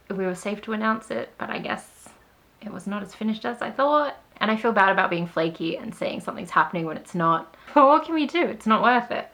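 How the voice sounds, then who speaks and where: A woman's voice: medium pitch, fairly bright tone. A woman author talking straight to the camera in a casual vlog, wry and self-deprecating, with a sarcastic edge. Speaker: author vlogger.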